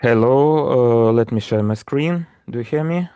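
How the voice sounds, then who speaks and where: A man with a Ukrainian accent, speaking on a video call while sharing his screen. He gives a prepared startup pitch and reads from a script with frequent "uh" fillers. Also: unhurried, mellow, smooth, no echo, lo-fi sound. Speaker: startup presenter.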